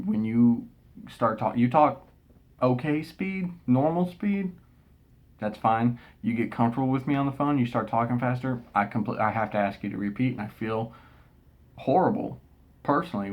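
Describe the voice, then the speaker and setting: A young man from Texas, telling a casual, animated story about an exasperating experience and often restarting his sentences. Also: mid-range voice, normal speed, highs cut off. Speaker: vlogger.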